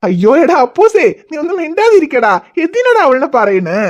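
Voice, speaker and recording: A woman voicing a gentle cartoon father who reassures his daughter and mock-scolds his son. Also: sits high, sing-song, a little fast, highs cut off. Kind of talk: cartoon voice acting.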